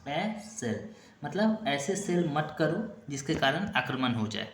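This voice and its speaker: A man's voice: a little high, big pitch swings, takes it slowly. A man teaching an exam-prep vocabulary lesson, repeating memory tricks over and over and checking in with short asides. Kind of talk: classroom-style vocabulary lesson. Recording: echoey room with clear background noise.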